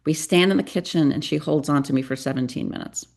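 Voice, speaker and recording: A middle-aged woman with a deep, gravelly voice, speaking as a podcast guest. She talks earnestly and confessionally and acts out snatches of dialogue as she tells her story. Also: quick pace, darkish tone. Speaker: guest, psychotherapist and parenting coach.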